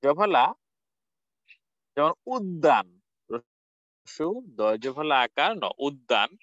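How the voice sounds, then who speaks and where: Bright-voiced male teacher lecturing. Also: on the high side, expressive, takes it slowly, dry recording. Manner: spells out words letter by letter, asks and answers own questions. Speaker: college teacher. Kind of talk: recorded classroom lecture. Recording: dull lo-fi dry recording.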